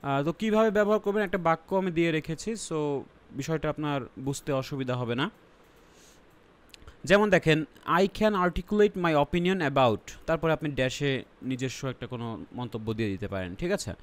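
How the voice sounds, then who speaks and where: Bangladeshi man teaching, a little high-pitched. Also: fairly quick, clean tone. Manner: explains step by step, checks in with "ঠিক আছে?"; mixes English terms into his explanations. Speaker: IELTS teacher. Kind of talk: online lesson.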